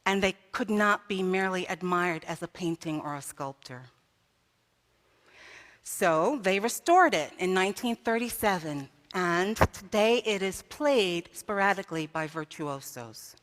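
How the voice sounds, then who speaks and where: Her voice low-leaning, animated and a bit bright, a woman minister preaches at a measured pace in a church. The sermon unfolds as a story with rhetorical questions, climbing to emphatic peaks, and the recording carries long hall reverb.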